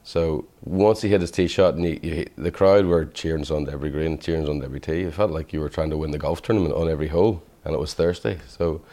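A man's voice: a bass voice, fairly even intonation, quick pace, hardly any pauses, warm tone. A man recalling a tournament in a casual interview.

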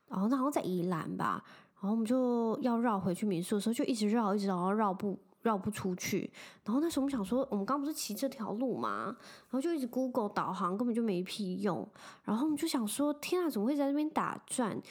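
Chatty young woman telling stories. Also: medium pitch. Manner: chatty, heavy use of filler phrases, animated when retelling. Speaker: podcast host. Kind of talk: casual storytelling chat.

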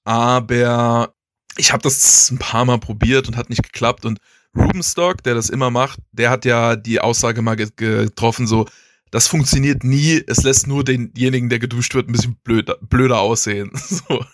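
A man's voice: medium pitch, normal speed, dry recording, clean studio sound. A man, casually explaining video game strategy, thinking aloud with restarts and chuckles. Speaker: guest strategy player.

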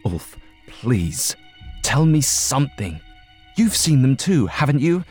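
A man's voice: medium pitch, very animated, slow pace, darkish tone, slightly rough, soft background music, voice pushed up, full character voice. A man voicing a frightened young man who pleads with his friend in an urgent, stammering way.

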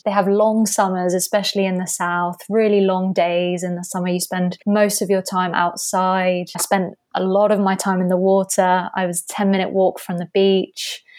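A woman's voice: mid-range voice, a little mellow, dry recording. A woman from Spain, a guest telling stories about her childhood in an open, reflective way with light laughter. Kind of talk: reflective casual storytelling.

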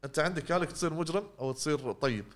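A man, co-hosting a casual gaming podcast, rambling with many restarts. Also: a little high. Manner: fast, rambling, many restarts and trailing words. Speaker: podcast co-host.

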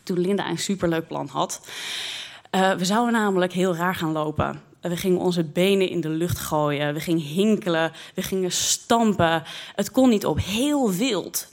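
A woman recounts a childhood memory in the first person, taking her time and bringing the scenes to life. Her voice sits slightly low. She tells it as a personal story to listeners. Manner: slow, lively, expressive storytelling.

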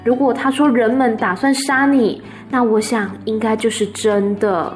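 Storybook role: a woman reading a cool, gentle lady spider, soft and highish, faint music under. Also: fairly even intonation, moderate pace, close to an everyday voice. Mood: calm. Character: calm female spider, gentle but offhand.

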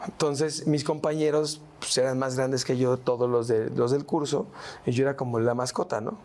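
A man's voice: mid-range voice, fairly even intonation, moderate pace, a little mellow. A man with a Mexican accent, a guest in an interview, telling his story in casual, slangy speech and often tagging his lines with "¿no?" and "güey".

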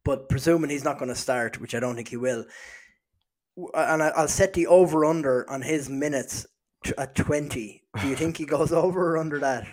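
A man's voice: fairly high pitch, moderate pace, a little mellow. A man co-hosting a football podcast, talking in a casual chat with frequent restarts and repeated words. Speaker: podcast co-host.

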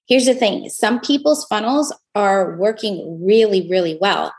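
Young female marketing coach, relaxed teaching monologue, talks straight to camera and keeps asking "right?". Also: medium pitch. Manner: conversational, talks straight to the listener with frequent "right?".

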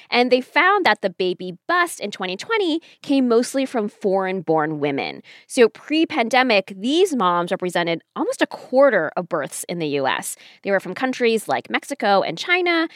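Lively American woman hosting a podcast. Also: medium pitch, no room sound, studio quality. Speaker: podcast co-host. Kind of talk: conversational explanatory hosting.

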